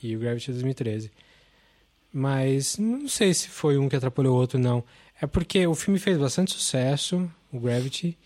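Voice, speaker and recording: A man's voice: medium pitch, animated, normal speed, darkish tone. Male podcast host, enthusiastic and rambling, filler-heavy. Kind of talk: casual film chat.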